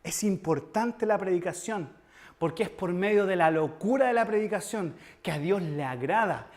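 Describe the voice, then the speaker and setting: A man delivers a sermon-style lecture to his church. His voice sits high for a man, and he speaks with earnest emphasis. He addresses the listeners directly as he teaches. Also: moderate pace, darkish tone. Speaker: preacher teaching church history.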